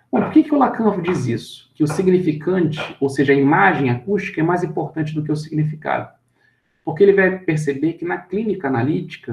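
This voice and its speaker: A fairly high-voiced man with a Brazilian Portuguese accent explains ideas step by step in a lecture, thinking aloud and pausing to check that listeners follow. His voice rings around a reverberant room. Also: gravelly. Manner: thinks aloud, checks understanding with frequent tag questions.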